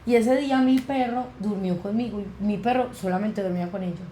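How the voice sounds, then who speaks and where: Mellow-voiced Colombian woman telling a story. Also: mid-range voice, a little fast, a little hiss or hum. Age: young adult. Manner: vivid retelling that acts out quoted dialogue. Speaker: podcast guest. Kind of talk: personal storytelling in a conversation.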